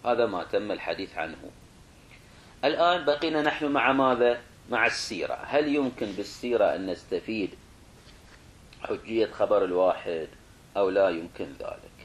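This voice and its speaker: Low-voiced man giving a methodical lecture. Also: lively intonation, normal speed, long pauses. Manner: methodical, repeats and rephrases points; asks rhetorical questions to the class. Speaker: religious studies teacher. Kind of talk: classroom lecture.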